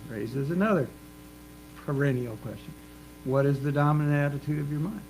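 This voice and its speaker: Guy preaching a sermon, earnest and emphatic, kinda higher voice, bit of hum behind. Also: moderate pace, a little mellow, poor audio. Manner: earnest, emphatic, repeats phrases for rhythm. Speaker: minister. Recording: faint mains hum.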